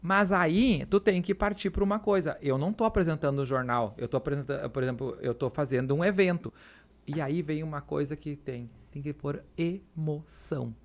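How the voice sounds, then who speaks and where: A man talking fast on a casual podcast, his voice sitting a little higher than most men's. He tells his stories with lively energy and slips into the voices of the people he quotes. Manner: animated storytelling, acts out quoted lines. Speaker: guest, event presenter and social columnist.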